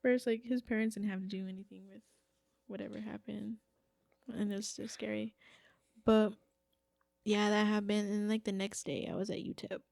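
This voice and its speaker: A woman's voice: mid-range voice, moderate pace, gravelly, no echo, studio quality. A woman in her twenties, a podcast guest telling a story in casual chat, acting out the quotes and saying "like" a lot. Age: 20s. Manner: animated, acts out quotes, heavy use of "like".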